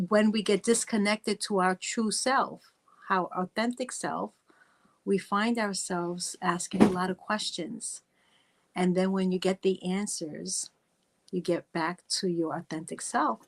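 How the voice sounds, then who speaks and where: A middle-aged woman from Italy hosting a faith talk show, speaking earnestly and personally, often adding "right?" and "you know". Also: lowish voice. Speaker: podcast host.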